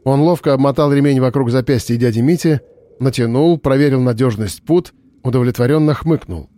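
A man reading an audiobook narration in a steady, even storytelling voice. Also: medium pitch, brisk. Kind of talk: scripted narration.

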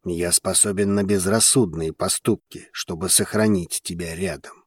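Guy doing a brooding jealous man, deep slow gruff murmur. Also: fairly even intonation, dry recording, clean studio sound. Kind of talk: audiobook character voice.

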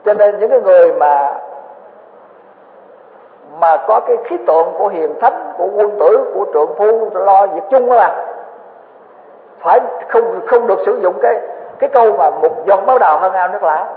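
A man giving an earnest, animated Buddhist dharma talk, asking rhetorical questions as he teaches. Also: high voice, normal speed, pauses often. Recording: echoey hall, tinny phone-like sound.

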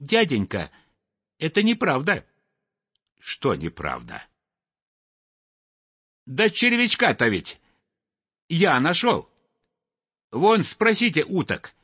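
A man's voice: huge pitch swings, takes it slowly, pauses often, bright, forceful tone, husky, no echo, heavily acted. A man voicing a small pleading sandpiper. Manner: pleading, earnest, higher voice. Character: small timid male sandpiper bird. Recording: dull dry lo-fi recording.

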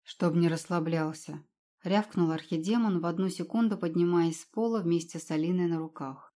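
A woman reading a fantasy novel aloud as audiobook narrator, in a measured, expressive way. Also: fairly low pitch. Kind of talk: scripted narration.

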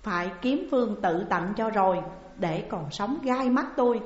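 A woman's voice: medium pitch, lively intonation, moderate pace, lightly acted. A woman voicing a stern, furious old lord who scolds and accuses harshly. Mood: angry. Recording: dull, echoey recording with long reverb.

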